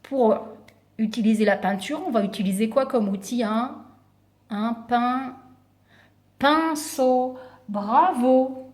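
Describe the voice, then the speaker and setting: A woman teaching preschoolers by remote video, stressing each syllable slowly and giving warm encouragement. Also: a little high. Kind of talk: remote lesson for young children.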